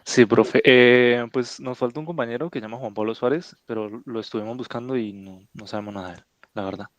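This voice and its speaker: A young man opening a group presentation in an online class, filling pauses with "eh" and "pues". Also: mid-range voice, no echo, muffled recording. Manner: hesitant, fills with "eh" and "pues". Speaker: student presenter. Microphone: video call.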